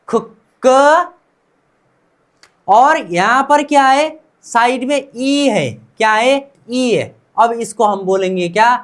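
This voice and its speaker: With a fairly high pitch, an Indian-accented woman instructs in Hindi on how to pronounce Korean. She repeats each word many times and asks her students questions ahead of giving the answer.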